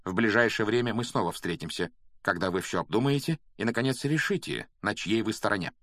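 Man reading an icy ironic teacher, low, threatening, storybook voice, dry sound. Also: animated, a little fast, fairly bright tone, no room sound. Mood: icy menace. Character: cold menacing male schoolmaster.

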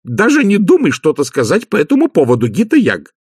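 A man reading an audiobook, voicing a brisk young woman who talks in a sharp, scolding way. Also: sits high, wildly swooping pitch, gravelly, breathy edge, no room sound, clean studio sound, pitched above the performer's own voice, full character voice. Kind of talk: audiobook character voice.

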